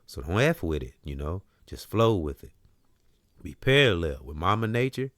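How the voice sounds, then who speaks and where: A man's voice: low voice, sing-song, moderate pace, no echo, studio quality. A man hosting a show, talking earnestly in a preachy, spiritual way and dropping "you know" often. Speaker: host. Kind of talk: spiritual talk-show monologue.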